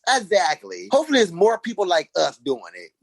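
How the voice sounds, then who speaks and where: A man co-hosting a casual podcast chat, telling stories in an animated way and laughing often. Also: sits high, fairly quick, gravelly, slightly rough, dry recording. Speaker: podcast co-host. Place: at work, listening on headphones.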